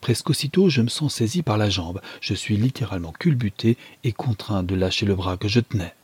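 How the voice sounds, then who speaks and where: A man narrates a novel in measured, dramatic first person, building tension line by line. His voice sits low with a husky grain. The recording is dry, with no room sound around it. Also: expressive, darkish tone, no echo. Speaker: audiobook reader.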